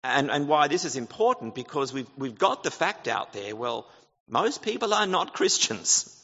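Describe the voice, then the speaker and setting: A pastor with a mid-range, very animated voice that sounds pushed and bright preaches at a moderate pace. He explains earnestly and puts rhetorical questions to his congregation, recorded with church hall reverb and a dull, lo-fi sound.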